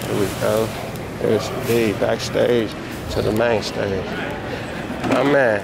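A man filming backstage at a boxing event, excitedly cheering people on with repeated slang. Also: on the low side, slow, creaky, heavy background noise. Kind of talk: casual hype chat.

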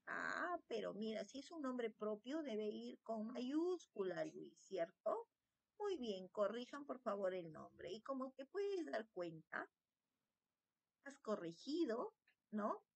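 A woman teacher giving a slow, patient slide lesson to children, often checking in with the class. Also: a little high, vocal fry.

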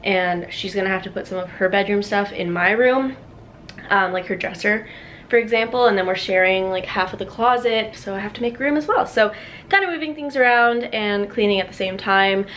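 A woman's voice: medium pitch, a little fast, fairly bright tone, a little hiss or hum. A woman vlogging casually at home, chatty and full of "like" fillers. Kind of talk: casual vlog narration. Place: at home indoors.

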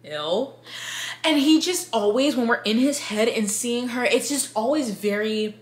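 A drunk woman in her thirties giving a rambling, exasperated, sweary book review rant in an animated, emphatic way. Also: on the high side, a little slow. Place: living room with bookshelves, indoors. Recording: roomy home echo.

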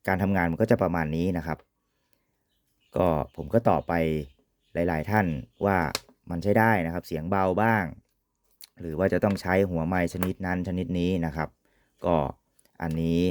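A man's voice: deep voice, steady tone, normal speed, darkish tone. A man giving an informal, polite product demonstration as an equipment reviewer, often ending phrases with courtesy particles.

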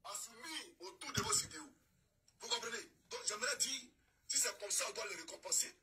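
Guy talking fast and high, accusing, crowd noise behind him. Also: lively intonation. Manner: insistent, accusing. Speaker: speaker in a played clip. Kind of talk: political speech.

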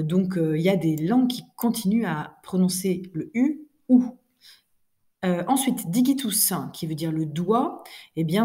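A woman's voice: on the low side, mellow. A woman teacher correcting exercises in a recorded lesson, explaining patiently with many fillers and restarts. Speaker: French teacher.

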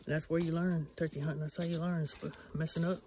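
This casual self-filmed vlog shows a hunting vlogger outdoors on rural land, rambling with many fillers and restarts as he explains. He speaks fast in a slightly high, level, somewhat mellow voice, with a little hiss or hum from the camera recording.

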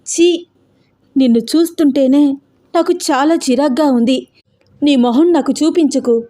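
A woman voicing a tearful, hot-tempered young woman who shouts and scolds. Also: high-pitched, unhurried, pitched above the performer's own voice. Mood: furious. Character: young woman, fiery and tearful, quick to anger.

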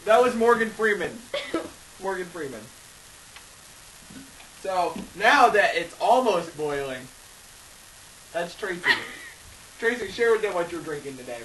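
A man's voice: high-pitched, expressive, unhurried, pauses often, a bit bright, a little hiss or hum, poor audio. A teenage boy goofing around while hosting a homemade cooking video, joking and giggling, recorded on a laptop webcam in a home kitchen. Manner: giggly and joking, often breaking into laughter. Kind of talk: goofy casual chat. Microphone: laptop webcam mic.

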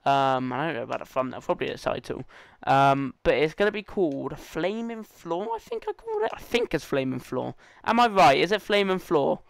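Guy doing chill let's-play commentary, kinda excitable, smooth clear voice, dry close sound. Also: a little high, brisk, no room sound. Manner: excitable and playful, chatting to fellow players. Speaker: gaming channel host.

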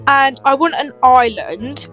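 A woman's voice: high voice, a little slow, fairly bright tone. A woman voicing an entitled, snobby young woman in a game role-play, talking down to the people she is bossing around. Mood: haughty. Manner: bossy, dismissive, self-satisfied. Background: faint music.

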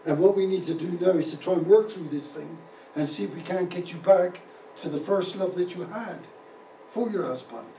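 A man's voice: sits high, normal speed, gravelly, mellow, distant mic, a little hiss or hum. A middle-aged man preaching a sermon as pastor, pressing his points with rising emphasis and sometimes ad-libbing. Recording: roomy echo, speaker away from the mic.

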